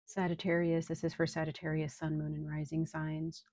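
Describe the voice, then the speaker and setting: This tarot reader has a cold, and her low voice carries a slight rasp as she chats through a casual reading for viewers. She speaks at an easy, soothing pace in a monotone, often pausing with an um. Her tone leans darkish, and the recording is close and dry without any room reverb.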